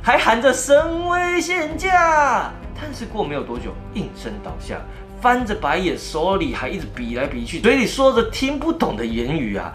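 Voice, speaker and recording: Animated male ghost-story teller. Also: a little high, fairly quick, soft background music. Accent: Taiwanese Mandarin. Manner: animated storytelling, acting out the scenes. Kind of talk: first-person ghost story narration.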